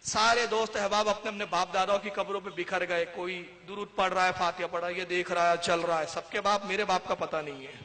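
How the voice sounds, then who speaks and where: Heated preacher in a reverberant hall. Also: male voice, high voice, fairly even intonation, hardly any pauses. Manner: scornful, heated, building to shouts. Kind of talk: polemical sermon storytelling.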